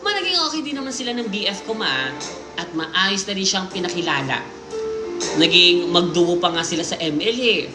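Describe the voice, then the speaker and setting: A woman hosting a live stream, reading listener stories aloud in lively mixed Tagalog and English, with jokes and asides. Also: fairly low pitch, normal speed. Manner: animated storytelling, Taglish, jokes and asides. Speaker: livestream host. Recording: roomy sound with music playing behind.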